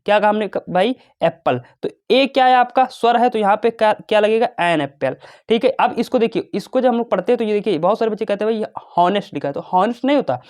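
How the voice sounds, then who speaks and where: Fast-talking chatty tutor, man. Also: high voice, animated, a little mellow. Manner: chatty, calls students "bhai" and "babu", asks and answers his own questions. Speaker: teacher. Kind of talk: casual classroom lesson.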